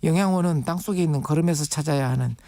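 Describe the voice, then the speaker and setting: Gravelly-voiced man explaining farming calmly. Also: on the high side, rapid-fire, no echo. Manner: patient, explanatory, uses everyday comparisons. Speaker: urban farming guest expert. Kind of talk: radio interview.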